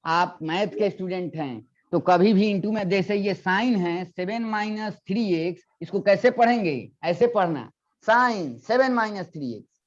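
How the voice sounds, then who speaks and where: The recording, dull and lo-fi, comes from a classroom where a male physics teacher lectures in a high voice at a measured pace with few pauses. He coaxes students and repeats questions.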